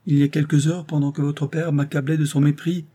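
Proud, anguished young noblewoman for a classic-novel audiobook, a man reading her, pitched up and impassioned. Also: little pitch movement, fairly quick, dark tone, close to an everyday voice. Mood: sorrowful.

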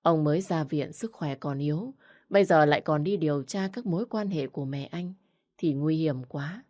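Low-voiced woman narrating a story. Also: moderate pace, darkish tone, dry recording, clean studio sound.

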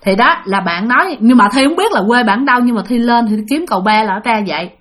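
A woman's voice: on the high side, expressive, quick pace, a bit bright. A woman telling spirit stories in a chatty, casual way, often addressing her listeners directly. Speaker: storyteller of spirit tales. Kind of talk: casual spoken storytelling to listeners.

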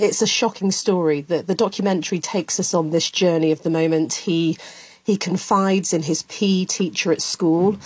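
Woman, news correspondent, husky, dry close sound, earnest and explanatory. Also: lowish voice, a little mellow, dry recording. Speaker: community affairs correspondent. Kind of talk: radio news report.

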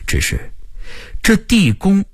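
Husky man telling a suspenseful story. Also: sits high, huge pitch swings, slow pace, dry recording, clean studio sound. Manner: vivid, suspense-building delivery. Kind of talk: dramatic first-person story narration.

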